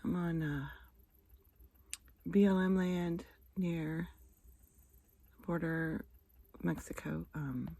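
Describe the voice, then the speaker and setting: An American woman who is sick and congested, talking casually and haltingly to camera in a weary, husky voice that often trails off. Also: lowish voice, fairly even intonation, dark tone, no echo. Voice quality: hoarse, husky, gravelly. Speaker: solo van-life vlogger. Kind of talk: rambling casual vlog to camera.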